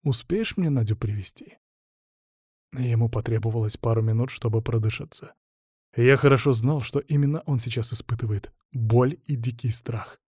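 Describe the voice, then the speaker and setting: A man narrating a first-person thriller audiobook in a calm, cold, even voice. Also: medium pitch, normal speed, breathy edge, dry recording, studio quality.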